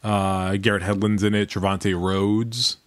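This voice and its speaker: Male podcast host, low voice, quick chatty delivery full of fillers. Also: level tone, no room sound. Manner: rapid, filler-heavy, laughs between remarks. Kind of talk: casual podcast chat.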